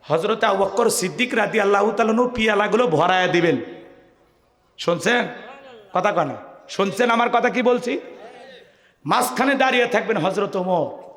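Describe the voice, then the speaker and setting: A man preaching a lively waz sermon at a religious gathering, his voice pitched high and bursting into shouts. He keeps calling out questions to the crowd. The sound comes through a microphone with a long, echoing reverb. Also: normal speed, long pauses. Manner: calls out to the crowd for answers and repeats questions; bursts into shouting, folksy and joking.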